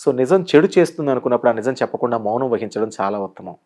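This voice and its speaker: Racing along in a mid-range voice, this Telugu-accented man is a motivational speaker answering an interviewer's questions. He tells stories with lots of animation, playing out each scene he describes.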